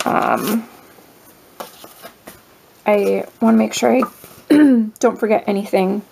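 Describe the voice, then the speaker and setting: Slow, gravelly-voiced woman gushing over mail. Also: mid-range voice, low-quality recording. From United States. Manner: gushing, gasping, lots of "oh my gosh"; slow, drawn-out speech with soft breathy asides. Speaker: crafter unboxing a mail swap. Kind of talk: casual unboxing vlog.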